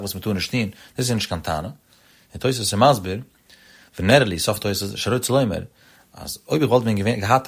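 A man teaching a traditional text study lecture, his voice husky and somewhat low. He talks fast in a sing-song study cadence that jumps up in pitch now and then.

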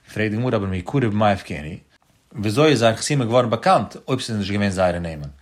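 A man teaching a Talmud study lesson in a rapid sing-song cadence, his pitch swinging up and down as he explains. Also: animated. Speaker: religious teacher.

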